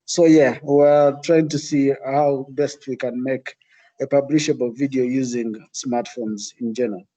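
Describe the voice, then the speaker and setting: A man's voice: medium pitch, fairly even intonation, unhurried, mellow, low-quality recording. A man working as an instructor, explaining a training course in a hesitant, piecemeal way. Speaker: journalism instructor.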